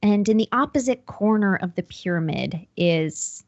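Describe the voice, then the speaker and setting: A woman at a middle pitch narrates a tabletop horror game as its game master. She describes each scene piece by piece, with ums and restarts along the way. Her voice comes through a dull, lo-fi line. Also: lively intonation, moderate pace, dry recording.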